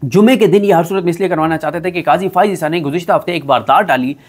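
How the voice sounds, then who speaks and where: Man, solo political commentary, emphatic, filler pauses, higher pitch. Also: slightly rough. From Pakistan.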